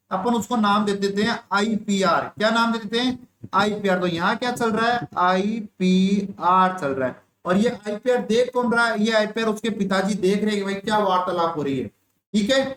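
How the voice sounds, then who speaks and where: In an echoey room with faint ambience, a man runs an online nursing exam class, telling a story and firing repeated questions at his students. His voice is high-pitched with a fairly bright tone.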